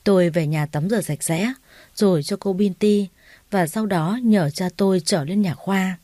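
A woman narrating a first-person story in a steady, somber reading voice. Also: mid-range voice, moderate pace, dry recording. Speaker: story reader.

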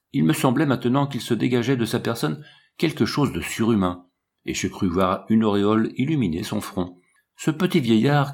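A man with a low voice reads a classic adventure novel aloud. His reading is expressive and dramatic, and it keeps the tension up. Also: slightly rough. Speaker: audiobook narrator. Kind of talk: scripted narration of a novel.

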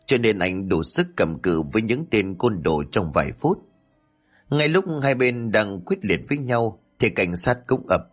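Expressive male storyteller. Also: fairly low pitch. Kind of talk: dramatic story narration.

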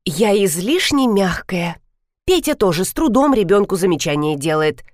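A woman's voice: medium pitch, big pitch swings, unhurried, no room sound, studio quality. A woman reading an audiobook, voicing a fussy, gushing elderly lady who heads her family. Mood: fussing. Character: elderly lady, soft-hearted matriarch, fussy. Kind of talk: audiobook character voice.

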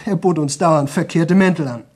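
In a 1970 German radio play monologue, an actor voices a young man who talks nonstop for a record, using a slightly high, darkish voice at normal speed, lightly acted. Chatty and self-satisfied, he rambles, repeats himself, and drifts into singsong.

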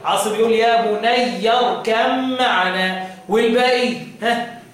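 High-voiced Egyptian man teaching, echoey room. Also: fairly even intonation, fairly bright tone. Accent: Egyptian Arabic. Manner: drills by question, draws out recited words slowly. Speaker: teacher of Quran recitation. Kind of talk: classroom lesson with questions to students. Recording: echoey room, voice from far off mic.

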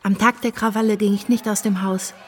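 In a radio play, an actress portrays a reflective woman recalling revolutionary times through measured, sober first-person narration. Her medium-pitched voice is steady and lightly acted, with a sober, wry mood.

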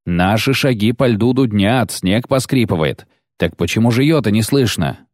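A man's voice: lowish voice, expressive, normal speed, darkish tone, dry recording, studio quality, voice pushed up. A man reading aloud, voicing a puzzled male mercenary who speaks in a wondering, thoughtful way.

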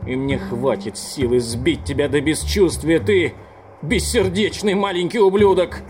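A man's voice: fairly high pitch, fairly even intonation, unhurried, over music, voice pushed up, close to an everyday voice. A man voicing an indignant, blustering male train conductor in an audiobook.

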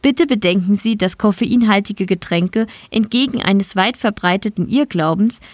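A polite, impersonal notification system in an audio story, reciting formal warnings in a steady announcement manner, as a woman reader voices it. The voice keeps a middle pitch. It sounds close and dry. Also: normal speed, no echo, natural voice.

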